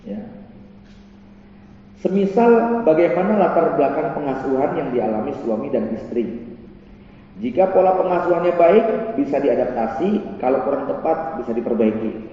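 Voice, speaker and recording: A man's voice: fairly high pitch, normal speed. A man giving a pre-marriage religious lecture, telling stories and acting out the voices of the people in them. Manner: animated storytelling, acting out quoted voices. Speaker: preacher. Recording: echoey hall, distant mic, dull sound.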